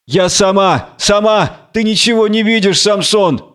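A frail old mother cries out in a high, strained plea, voiced by a man reading a play aloud. Her words come in urgent bursts. The voice stays smooth and clear. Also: unhurried, fairly bright tone. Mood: fussing tender. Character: older blind mother, frail and pleading.

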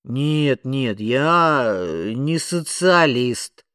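A man voicing a slow-witted, flustered unemployed Englishman in an audiobook, stammering and hesitant. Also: medium pitch, animated, fairly bright tone, no room sound, clean studio sound.

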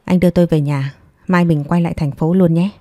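A woman voicing a composed, divorced young mother who speaks calmly and firmly, weighing each word. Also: fairly low pitch, no room sound, studio quality, close to an everyday voice. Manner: calm, measured, clipped.

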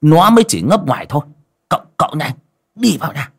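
A man voicing a fawning, panicky middle-aged male village medium, wailing high and strained. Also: very animated, takes it slowly, pushed and bright, exaggerated voice. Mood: fussing.

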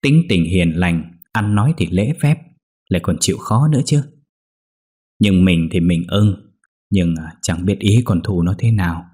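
A man voicing a grieving middle-aged wife who wails for her dead husband, pushing his voice high and loud. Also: measured pace, husky. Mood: hopeful.

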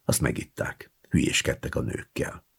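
A man narrating a literary short story in an expressive, dramatic reading with hushed asides. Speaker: audiobook narrator.

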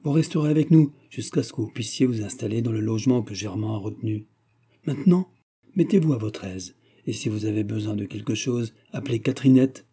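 A man's voice: fairly low pitch, brisk, warm tone, breathy edge. A man voicing a cold, grave old spinster aunt in a storybook reading. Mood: formal. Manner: grave, composed.

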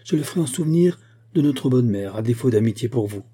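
A man voicing an anxious, gentle old male bank clerk who pleads in a trembling way. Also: medium pitch, lively intonation, fairly quick, slightly rough. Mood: tender.

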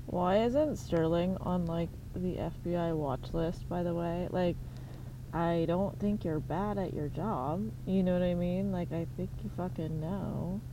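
A woman's voice: lowish voice, unhurried, noisy background. A young woman in casual commentary, sarcastic and profane, with laughing asides.

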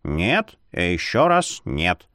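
A man's voice: deep voice, sing-song, sharp tone, dry recording, studio quality, pitched below the performer's own voice, heavily acted. Man doing a stern old librarian woman. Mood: scornful. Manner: scolding, haughty, slow and emphatic. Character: stern, sharp-tongued old female librarian, grey-haired.

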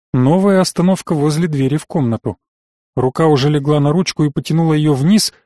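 A man with a fairly high voice narrates a first-person fantasy audiobook. His delivery is measured and tense. The recording is close and dry, with no room sound. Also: warm tone, dry recording.

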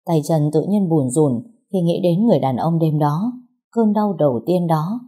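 A woman narrating a dramatic story in a steady, measured way. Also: deep voice, breathy edge.

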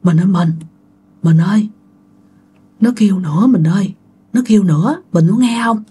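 A woman's voice: medium pitch, moderate pace, mellow, slight background noise, close to an everyday voice. A woman with a Southern Vietnamese accent playing a frightened old grandmother pleading with her husband.

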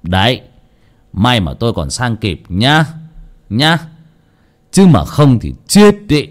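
A man voicing a stern old village healer who talks gravely and slowly, lecturing. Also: low voice, big pitch swings, darkish tone.

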